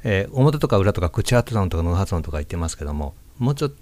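A man's voice: deep voice, very animated, quick pace, darkish tone. A man giving a casual video lesson on English pronunciation, demonstrating and exaggerating sounds as he explains.

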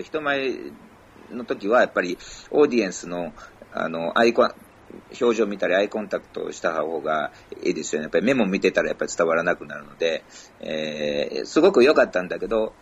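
A man's voice: sits low, fast talker, muffled recording, a little hiss or hum. A man from Kyoto with a Kansai accent, giving casual feedback on a speech and slipping into English now and then. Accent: Kansai Japanese. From Kyoto, Japan. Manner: lively, mixes in English and Kansai dialect. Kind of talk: casual online chat.

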